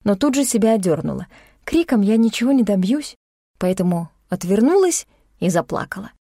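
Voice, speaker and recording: A woman reads first-person fiction in a calm, wry tone, dry and close to the mic. Her pitch sits at an average female level, and her pace is even and steady. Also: normal speed, no echo. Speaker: audiobook narrator. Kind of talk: first-person novel narration. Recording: dry close studio sound.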